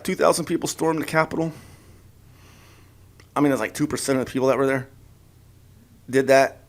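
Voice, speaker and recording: A man ranting in a political opinion vlog, heated and sarcastic, stumbling over and repeating his words as he mocks the people he disagrees with. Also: on the high side. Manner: heated and sarcastic, mocking voices of opponents; repeats words and restarts often. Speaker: political vlogger.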